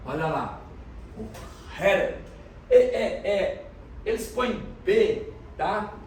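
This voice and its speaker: A man's voice: high-pitched, slight background noise. A man preaching a sermon as pastor, explaining things and questioning the congregation. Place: church hall. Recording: echoey church hall, mic from a distance.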